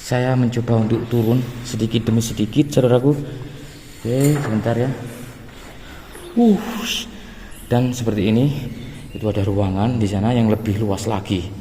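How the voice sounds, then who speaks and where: A man's voice: lowish voice, fairly even intonation, normal speed, pauses often, dark tone. A man vlogging casually with hesitant fillers and friendly asides to viewers, his voice echoing in an underground stone chamber. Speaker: travel vlogger exploring a site. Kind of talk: casual walk-through narration. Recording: long reverb from a stone hall, faint ambient noise.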